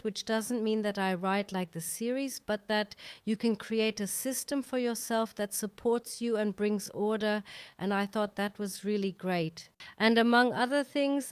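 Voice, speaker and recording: A woman in her fifties speaks as an interview guest, reflective and unhurried, often pausing on ums and restarting her thoughts. Her voice is strikingly clear, and it is recorded dry and close. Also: a little high, dry recording. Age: 50s. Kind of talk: conversational interview.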